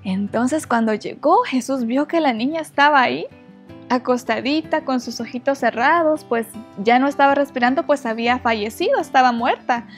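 A woman telling a Bible story to children, expressive and gentle, speaking directly to her young listeners. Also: high voice, moderate pace, soft background music.

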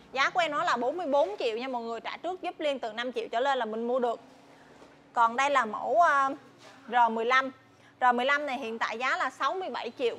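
A young woman with a southern Vietnamese accent presents stock in a casual sales style. Her voice is high-pitched and her talk is chatty, with hesitations and repeated words. She is on a lapel mic in a large warehouse with faint background noise. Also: fairly bright tone. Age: young adult. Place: large tin-walled motorbike warehouse. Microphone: clip-on lapel mic.

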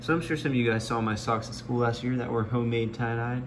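A man's voice: medium pitch, fairly even intonation, fast talker. A young man hosting a casual vlog, upbeat and joking as he narrates. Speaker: vlogger. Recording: noisy background.

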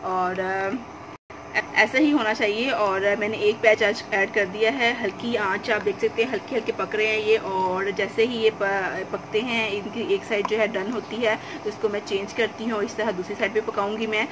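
A woman's voice: medium pitch, steady tone, moderate pace. A woman, hosting a home cooking tutorial and explaining each step patiently, with frequent fillers. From Pakistan. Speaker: cooking channel host. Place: home kitchen. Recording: noisy home recording.

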